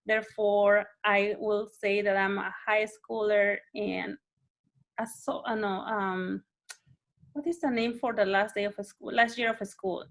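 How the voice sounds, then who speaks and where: A woman's voice: medium pitch, fairly even intonation, a little slow. Peruvian-born woman, hesitant panelist. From Peru. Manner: hesitant, searching for words. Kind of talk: panel discussion on a video call.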